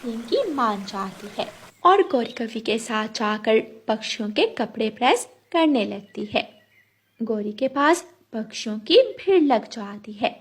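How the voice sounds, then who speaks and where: A woman narrating a children's cartoon story in a calm, even storytelling manner. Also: on the high side, slightly rough.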